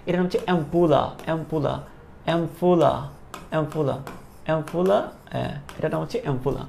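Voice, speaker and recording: A man's voice: on the high side, rapid-fire, gravelly, mellow, a little hiss or hum. A male teacher giving a classroom lecture, asking questions and repeating each answer to drill the terms.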